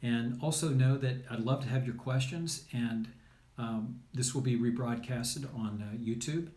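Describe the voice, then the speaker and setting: A middle-aged man speaks as a performance coach on a live broadcast, in a medium-pitched voice. He fills his instruction with ums and uhs and restarts, checking in with listeners as he goes. The room around him is clearly echoey. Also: a little slow, dark tone. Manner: checks in with 'okay?' and 'all right?'. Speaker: high performance sports coach.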